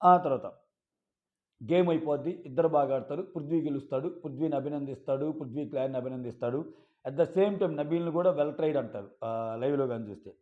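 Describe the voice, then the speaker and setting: A man recapping a reality show episode in a casual, animated way, acting out quoted lines. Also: fairly high pitch, fairly quick. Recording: dull lo-fi sound.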